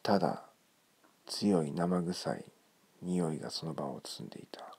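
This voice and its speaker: A man reading a ghost story in a hushed, creepy manner, his gravelly, breathy voice often close to a whisper. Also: sits low, unhurried.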